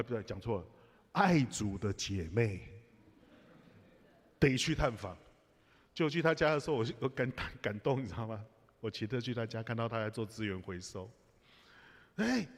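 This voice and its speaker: A man preaching a sermon, telling personal stories with humor and asides to the congregation. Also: fairly low pitch. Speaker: pastor. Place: church sanctuary. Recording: live church hall reverb.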